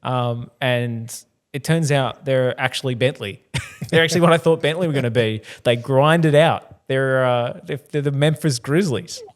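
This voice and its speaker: Wry Australian podcast host. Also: male voice, medium pitch. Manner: wry, quick, self-mocking. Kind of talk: casual podcast chat.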